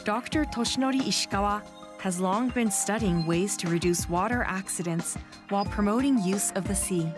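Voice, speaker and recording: A woman giving calm, measured scripted narration for a documentary, with music underneath. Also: medium pitch. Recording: voice-over with music bed.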